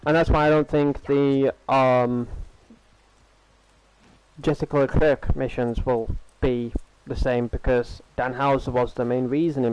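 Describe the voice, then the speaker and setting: Poor audio carries this young game streamer's smooth, medium-pitched voice, which has a darkish tone. Chatting casually with his live-stream audience over a gaming headset at home, he plays while rambling earnestly and repeating himself often.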